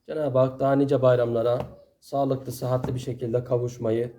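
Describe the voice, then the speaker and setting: Earnest Turkish preacher, dark-toned voice. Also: male voice, medium pitch, level tone, normal speed. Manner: earnest, admonishing, rhetorical questions. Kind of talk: Friday sermon.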